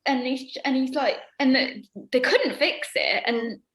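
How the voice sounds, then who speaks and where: A woman's voice: a little slow, a bit bright. Chatty young woman telling stage stories. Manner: rambling with many ums, acts out quoted lines in a high voice. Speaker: actress, interview guest. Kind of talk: casual anecdote-telling.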